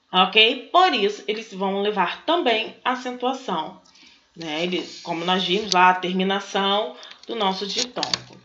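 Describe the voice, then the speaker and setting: Slow, bright-voiced Brazilian woman teacher. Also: a little high. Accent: Brazilian Portuguese. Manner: slow, explanatory, asks and answers her own questions. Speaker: Portuguese teacher. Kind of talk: recorded online class, working through exercises. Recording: echoey room, dull lo-fi sound.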